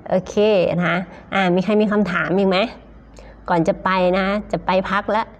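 A woman's voice: mid-range voice, fairly even intonation. A young woman with a Thai accent teaching on a live stream, chatting casually with viewers and reading their comments, full of fillers and polite sentence endings. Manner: slow and chatty, filler-heavy, ends phrases with polite particles.

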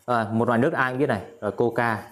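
A man's voice: mid-range voice, steady tone, rapid-fire, a bit bright. A man teaching English vocabulary in a casual lesson, repeating each word several times and chatting with viewers between words.

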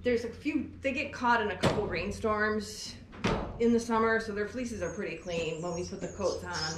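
A woman's voice: lowish voice, background noise. Chatty woman talking in an echoey barn. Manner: chatty, enthusiastic, explains as she works. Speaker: sheep farmer and fleece seller. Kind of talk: casual demonstration while working. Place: indoor barn by a fleece-skirting table. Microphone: camera on tripod a few feet away. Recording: echoey barn with faint ambience.

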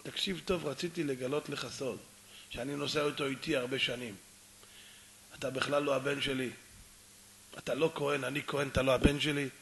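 Solemn dying old father, put on by a male preacher, bright tone. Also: mid-range voice, fairly even intonation, vocal fry, long pauses, a little hiss or hum, pitched below the performer's own voice.

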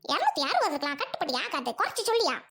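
A woman's voice: huge pitch swings, racing, heavily acted. A woman voicing a rude, bossy young woman who insults a street vendor, for a cartoon. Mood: scornful. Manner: shrill, mocking, shouty. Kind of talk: cartoon voice acting.

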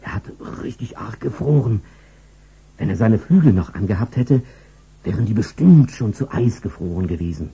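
Husky, lively male storybook narrator. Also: on the low side, moderate pace. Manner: lively, expressive children's storytelling.

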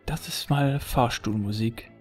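A man's voice: mid-range voice, measured pace, a little mellow, soft background music. A man giving casual, joking commentary as a let's play host, chatting away and humming along.

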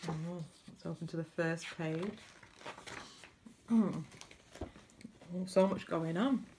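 A woman reads a picture book aloud to children. Her pace is very slow and unhurried, and she adds chatty little comments between the lines. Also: fairly low pitch, background noise. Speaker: storybook reader.

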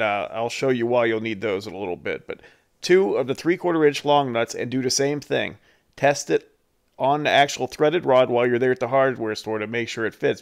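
A man's voice: mid-range voice, gravelly. A man hosting his carving channel, talking through a do-it-yourself build step by step in a casual, folksy voice-over. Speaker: chainsaw carver, channel host. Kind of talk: how-to voice-over.

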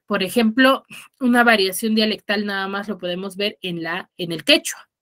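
A secondary school teacher from Huaraz, Peru, explains a lesson in an online class, often checking in with her students. Her mid-range voice has a fairly bright tone, her pace is moderate, and she speaks with a Peruvian Spanish accent over a video call.

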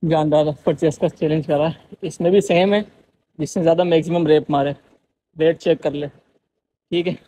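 A gym vlogger in his twenties chats casually and counts reps while filming in a busy indoor gym. His voice is a little high with a dark tone, steady and at normal speed, and the recording is rough.

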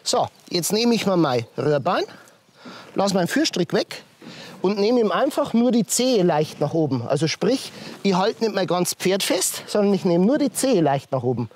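A man, a horse trainer demonstrating hoof handling step by step, softly praising the horse between explanations. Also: sits high, big pitch swings, normal speed. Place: outdoors with a horse.

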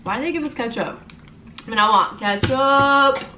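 A woman's voice: high voice, moderate pace. A young woman from Canada co-hosting a casual food review vlog, playful and giggly, with short remarks. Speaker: vlog co-host. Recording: echoey room, mic at a distance, faint noise.

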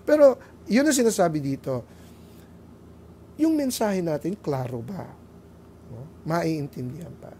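A middle-aged Filipino man delivers a family talk with a lively, swinging pitch. He tells stories, acts out little voices and drops in English phrases. Faint noise hums behind him. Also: unhurried, long pauses. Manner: animated storytelling, acting out voices, mixing English phrases. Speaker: lay preacher.

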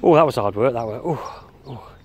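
A man's voice: mid-range voice, lively intonation, a little fast, noisy background. A man filming by a canal, chatting and teasing with a laugh in his voice, recorded on a handheld camera outdoors. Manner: jokey, laughs often, teasing. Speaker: cameraman and magnet fishing partner. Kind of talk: casual outdoor banter.

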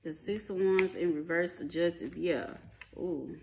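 Speaking in a lowish, unhurried voice, this tarot reader delivers an informal reading full of slang, swearing and blunt emphasis. The setting is a table in a small indoor living room, captured on a clearly noisy home recording where card clicks can be heard.

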